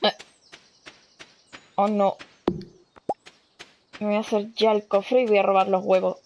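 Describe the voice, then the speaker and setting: In casual let's-play commentary, a young woman from Spain hosts her gaming channel, talking chattily, swearing casually and reacting aloud to the game as music plays. Her mid-range voice is a little mellow with little pitch movement and a measured pace. There's slight background noise.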